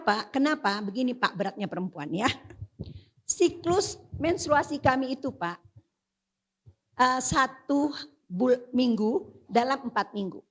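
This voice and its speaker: An older woman speaking as a parenting expert at a seminar, chatty and lively, often addressing the audience directly. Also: fairly high pitch. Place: seminar hall.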